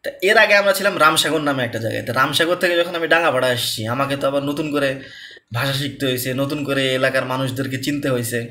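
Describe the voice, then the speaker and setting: A man's voice: medium pitch, fast, sharp tone. A man from Bangladesh in his thirties, giving a casual, conversational personal talk that repeats its points and keeps asking the listener to agree. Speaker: lecturer.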